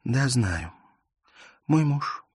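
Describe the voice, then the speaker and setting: A man doing a quiet, resolute young daughter. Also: mid-range voice, very slow, slightly rough, no echo, clean studio sound, pitched above the performer's own voice, full character voice. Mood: quiet firm. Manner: soft-spoken, restrained, calm.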